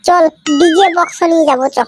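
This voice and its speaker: A performer gives voice to a nagging, excitable teenage schoolboy in a comic cartoon, using a West Bengal Purulia accent and insistent rustic slang. The delivery is very high-pitched, fairly quick and excited, with background noise present.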